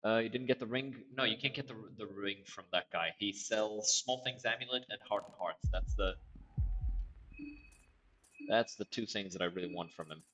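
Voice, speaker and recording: A man from Portugal with South African-tinged English commentates his gameplay live and reads chat, casually and profanely, breaking into sudden loud yelps of surprise. His voice is lowish at normal speed, and the audio is dull.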